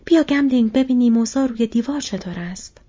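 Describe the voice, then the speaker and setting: A woman voicing a fierce, boastful male dwarf warrior who shouts battle cries, in a dull lo-fi recording. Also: a little high, slightly rough, pitched above the performer's own voice. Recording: dull lo-fi audio.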